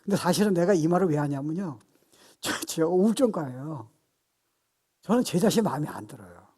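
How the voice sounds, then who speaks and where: Husky, animated older male pastor. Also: on the high side, a little fast. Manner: animated, acts out voices, laughs at his own jokes. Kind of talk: sermon.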